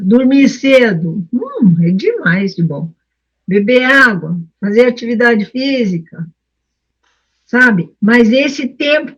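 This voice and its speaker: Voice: mid-range voice, a bit bright, muffled recording. An earnest participant in a Bible study group, reflecting personally and addressing the others by name.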